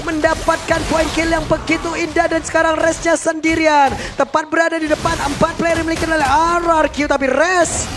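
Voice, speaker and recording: A man commentating an esports match as an excited, dramatic play-by-play caster. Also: very high voice, fairly quick, hardly any pauses. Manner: excited, dramatic play-by-play calling with rhetorical questions. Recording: loud music behind the voice. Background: music.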